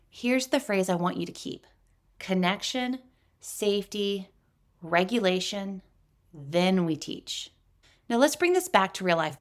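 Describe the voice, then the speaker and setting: A woman hosting a parenting podcast, giving steady, step-by-step scripted talk. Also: on the low side, gravelly. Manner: steady, instructive, lists steps.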